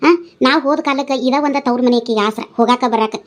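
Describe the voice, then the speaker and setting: A woman's voice: a little high, fast talker, close to an everyday voice. A woman voicing an older widowed village mother who scolds and pleads with her drinking son, in a North Karnataka Kannada accent. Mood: scolding. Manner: nagging, pleading, tearful.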